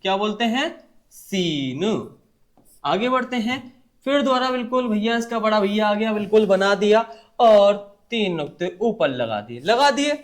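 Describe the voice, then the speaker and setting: A man's voice: sits high, lively intonation, a little slow. A man teaching an online class, repeating each point and asking the class to say it back in a casual, brotherly way. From India. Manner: repetitive call-and-response teaching; colloquial, addresses class as brother.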